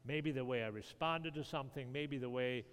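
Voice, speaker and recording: A man preaching a sermon, acting out the people in the scripture with animated storytelling. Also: medium pitch, moderate pace, clean tone. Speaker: pastor. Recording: long reverb of a hall.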